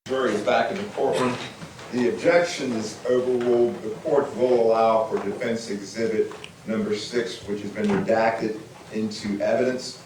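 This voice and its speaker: A man presiding as judge, speaking in a measured, formal, procedural way, captured on a courtroom recording. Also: on the low side, steady tone, a little mellow. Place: large courtroom. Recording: echoey courtroom audio from far off, faint room noise.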